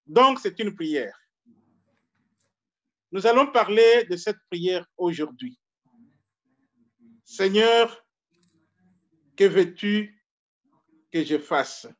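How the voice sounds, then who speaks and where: A man from Congo, a pastor preaching a sermon slowly and deliberately, repeating his key phrases. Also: sits high, a bit bright, dull audio.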